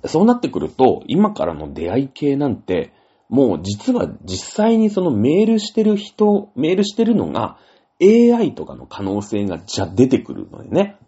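Male host, hugely animated pitch, husky tone, lo-fi audio. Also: moderate pace. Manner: rambling, animated storytelling with many fillers. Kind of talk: casual solo talk. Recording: dull lo-fi audio.

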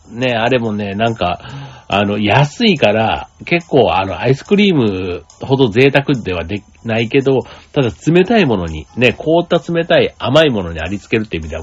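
A man from Kansai with a lowish, husky voice hosts a casual solo talk show as a podcast host. He rambles with lots of fillers and asides, and the lo-fi audio is slightly dull with faint music.

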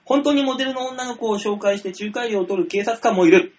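A man hosting a casual comedy radio chat, joking and animated, now and then putting on silly voices. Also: high voice, fast talker. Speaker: radio show host. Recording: dull lo-fi radio recording.

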